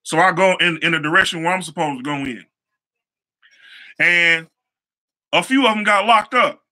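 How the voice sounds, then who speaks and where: Young male host, high and piercingly bright tone, loose conversational storytelling with slang and repeated phrases. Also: moderate pace. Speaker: show host, hair stylist. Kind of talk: casual motivational storytelling.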